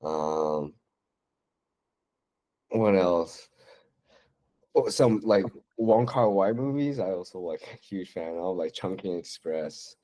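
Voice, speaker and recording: A young man from Taiwan, a designer guest on a podcast, chatting casually in a soft, hesitant way with many fillers. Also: low voice, expressive, slow pace, pauses often. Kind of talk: casual interview chat.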